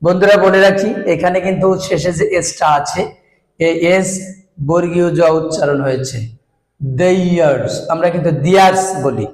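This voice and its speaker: A male English tutor speaking in a high, light voice. He moves at an unhurried crawl, repeating each word several times for his viewers, whom he calls friends. His voice rings a little in an echoey room. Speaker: English teacher. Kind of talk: slow pronunciation lesson.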